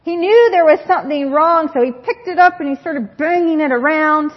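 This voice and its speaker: Woman preacher, 30s, high voice, earnest storyteller; muffled, dull recording. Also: normal speed. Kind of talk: sermon. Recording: dull recording with long hall reverb.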